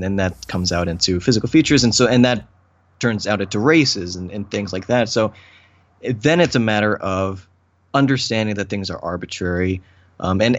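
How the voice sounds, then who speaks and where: Low-voiced man musing hesitantly. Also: no room sound, dull audio. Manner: thoughtful, hesitant, with fillers and restarts. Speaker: podcast co-host. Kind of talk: casual podcast chat.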